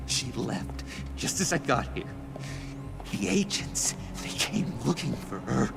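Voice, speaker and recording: A man's voice: mid-range voice, very animated, takes it slowly, gravelly, over music, exaggerated voice. An actor in a video game playing an unhinged, nervous man who stammers guilty excuses as if caught in the act. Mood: agitated, distraught.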